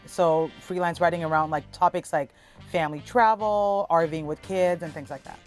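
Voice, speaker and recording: A woman in her thirties from Cameroon, a travel blogger telling her family's story in a relaxed, chatty way with plenty of fillers. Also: lowish voice. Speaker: travel blogger and content creator. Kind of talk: documentary interview.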